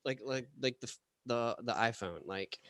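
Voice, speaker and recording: A man co-hosting a casual podcast chat, rambling and halting with many fillers. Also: mid-range voice, fairly bright tone, no echo. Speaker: podcast co-host.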